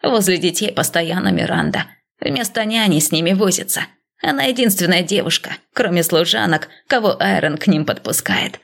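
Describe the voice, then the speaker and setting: A woman voicing a gentle, cautious male god who speaks in a soft, hesitant, reassuring way. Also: lowish voice, expressive, moderate pace, gravelly, exaggerated voice.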